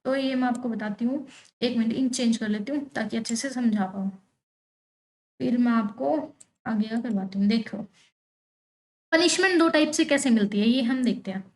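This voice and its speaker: A woman teaching an online exam-prep lecture, reading English lines out slowly and then explaining them, asking questions and answering them herself. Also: fairly high pitch, a little mellow. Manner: peppers explanations with checking tags like "theek hai".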